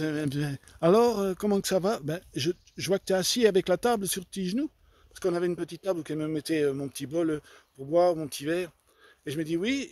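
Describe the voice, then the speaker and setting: A man giving an earnest personal faith testimony, halting and often repeating himself as he retells conversations in his own voice. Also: high voice, dry recording. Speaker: church member giving a testimony.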